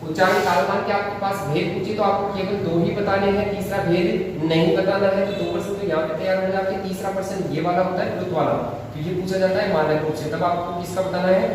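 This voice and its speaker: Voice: mid-range voice, fairly even intonation, brisk. A grammar teacher works through an exam-prep lecture, firing off rhetorical questions and answering them at once while stretching important words. The voice rings around a bare room with a long reverb tail. A faint hum of ambience sits underneath.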